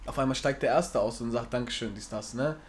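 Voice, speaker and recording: A man's voice: mid-range voice, a little fast, a little hiss or hum. A young man in casual chat, telling jokes in slangy street talk and often breaking into laughter.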